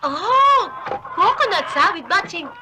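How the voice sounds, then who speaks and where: Shrill theatrical Purita. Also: female voice, sing-song, takes it slowly, full character voice. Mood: boisterous. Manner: theatrical, mixes English and Tagalog, laughs and scolds. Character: loud flamboyant woman, Purita. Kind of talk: film comedy acting. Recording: loud background noise.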